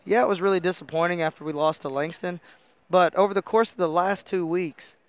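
Fairly quick and high-pitched, this man's clean-toned voice stays fairly even in intonation; the recording has no echo but sounds muffled. He's a middle-aged American basketball coach giving a conversational, explanatory postgame interview on a headset mic at an indoor sports arena table, often saying "you know."

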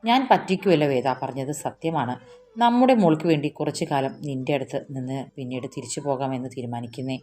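A woman voicing a young husband in a storybook romance, speaking low and tender, gruff when upset. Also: quick pace, mellow, faint music behind.

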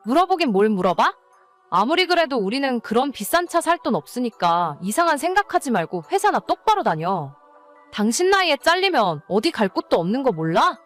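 A woman's voice: a little high, big pitch swings, a little fast, soft background music. A woman playing an exasperated, nagging wife in a scripted dramatized story. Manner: nagging, scolding. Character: exasperated, scolding wife of an irresponsible husband. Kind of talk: scripted story narration and dialogue.

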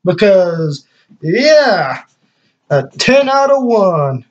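A man's voice: high voice, very animated, extremely slow, lo-fi sound. A man giving a rambling casual vlog review while talking with dip in his lip, laughing at his own jokes. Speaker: product reviewer.

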